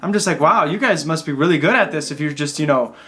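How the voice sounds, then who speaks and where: A man's voice: on the high side, fast, pushed and bright. A young man chatting casually, telling a story with lots of fillers. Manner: rambling with many fillers. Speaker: vlogger, new father. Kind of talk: casual chat.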